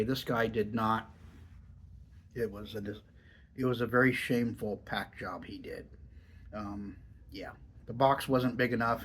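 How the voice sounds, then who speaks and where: A man's voice: medium pitch, a bit bright. An American man chatting casually in a rambling, folksy vlog style, his speech slightly muffled by a lip full of dipping tobacco. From Oregon, United States. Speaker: dipping tobacco review vlogger. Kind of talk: casual rambling chat to camera.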